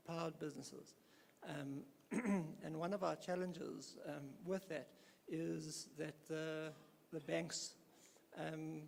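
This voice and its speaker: A man's voice: a little high, gravelly, a little mellow, a little hiss or hum. A man from KwaZulu-Natal, a hospital developer in a conference audience, speaking hesitantly with many fillers and restarts. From South Africa, KwaZulu-Natal. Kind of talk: audience question at panel. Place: conference hall. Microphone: handheld audience microphone. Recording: hall reverb, faint ambience.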